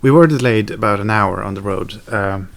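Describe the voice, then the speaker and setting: A man's voice: fairly low pitch, normal speed, gravelly. A young man chatting casually in a daily vlog, rambling with fillers and self-corrections. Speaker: video blogger.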